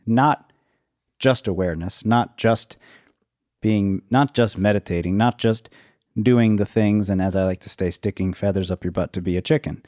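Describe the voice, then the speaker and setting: Low-voiced man thinking aloud, dry close sound. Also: a little mellow, no echo. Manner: halting, circling and rephrasing as he thinks aloud. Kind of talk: reflective casual conversation.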